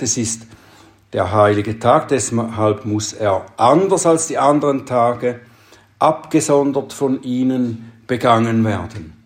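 A man preaching a sermon in a slow, measured way, lifting his voice to stress key words. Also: mid-range voice, reverberant.

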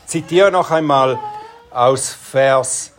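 Explaining scripture verse by verse, this preacher gives an expository sermon at a careful, measured pace. The voice is mid-range.

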